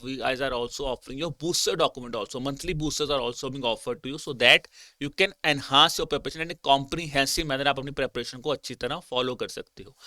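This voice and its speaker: A man's voice: medium pitch, pushed and bright, dry recording. A young Indian man teaching exam preparation, mixing Hindi and English in a direct coaching tone and often checking in with "guys". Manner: switches between Hindi and English, direct, repeats "guys" and "ठीक है". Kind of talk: online exam coaching talk.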